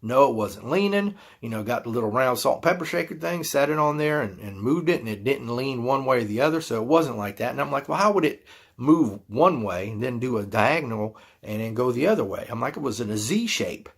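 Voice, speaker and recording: A man's voice: medium pitch, expressive, a little fast, creaky, breathy edge. A man telling a personal story to camera in a folksy, rambling way, acting out his own reactions. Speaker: YouTube channel host.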